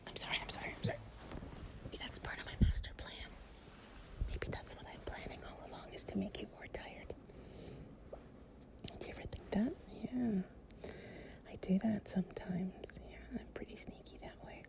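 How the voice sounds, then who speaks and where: Playing a loving companion in an audio roleplay meant for relaxation, a woman talks softly and breathily to the listener, often slipping into a whisper. She's playful, drowsy, and confiding, speaking at normal speed with medium pitch and many pauses.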